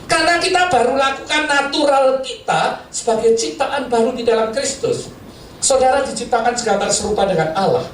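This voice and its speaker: A male pastor tells a humorous sermon story, laughing often and acting out other people's voices. His pitch leaps around lively. The sound is roomy, taken from a distance with faint noise behind. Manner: animated, laughing, acts out voices. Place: church hall. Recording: echoey hall, mic at a distance, faint noise.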